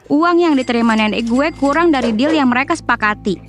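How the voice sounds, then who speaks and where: A woman's voice: high-pitched, animated, fairly quick, faint music behind. A woman narrating a family story in a chatty, slangy way, talking straight to her viewers. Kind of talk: casual storytime narration over mukbang video. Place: voice-over.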